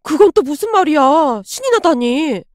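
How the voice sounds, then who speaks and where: A woman's voice: high voice, expressive, normal speed, no echo, studio quality. Woman voicing a panicky young office guy. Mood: panicked disbelief. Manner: loud, shouting when drunk, frantic disbelief. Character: young male office worker, rash and panicky.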